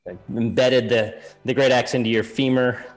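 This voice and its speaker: A man's voice: medium pitch, fairly even intonation, moderate pace, soft background music. A man running a tabletop game as game master, narrating in a loose, hedging way and laughing often.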